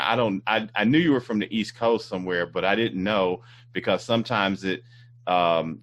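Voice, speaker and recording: A man's voice: deep voice, a bit bright, slight background noise. A man from Indiana hosting a casual interview, rambling with many fillers and restarts. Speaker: talk show host.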